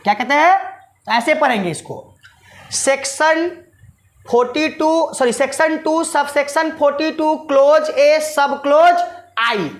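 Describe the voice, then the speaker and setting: A woman's voice: high-pitched, measured pace. A woman teaching a commerce lesson who calls her listeners children and keeps asking them questions, then answers them herself. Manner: quizzes students with repeated rhetorical questions; addresses listeners fondly as children. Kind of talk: explanatory class lesson.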